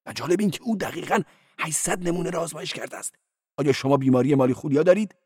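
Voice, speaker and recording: A man's voice: fairly high pitch, expressive, a little mellow, breathy edge, no echo, studio quality, pitched above the performer's own voice. Man doing a giggly, preachy church porter. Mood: preachy, effusive. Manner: giggling, effusive and sly, lecturing.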